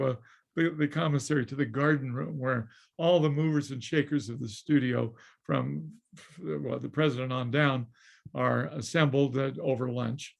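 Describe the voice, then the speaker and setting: A man's voice: mid-range voice, vocal fry. An older man telling showbiz anecdotes as an interview guest, chuckling and acting out the people he quotes over a video call. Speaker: guest, former studio story editor and screenwriter.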